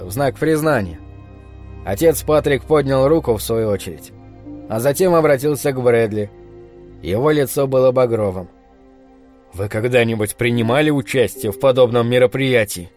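A man narrating an audiobook in a steady, even storytelling voice. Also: mid-range voice.

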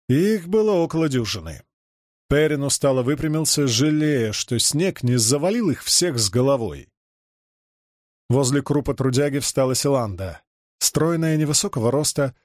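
A man reads a fantasy novel aloud in a steady, measured way. His voice sits at a middle pitch, and the recording is dry and close with no room sound. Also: no room sound. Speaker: audiobook narrator. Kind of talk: scripted narration.

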